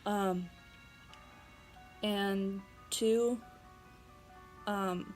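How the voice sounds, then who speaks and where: Slow-talking giggly young woman vlogger. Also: medium pitch, steady tone, a little mellow, soft background music, low-quality recording. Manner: chatty, giggly, many fillers and restarts. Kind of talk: casual vlog storytelling.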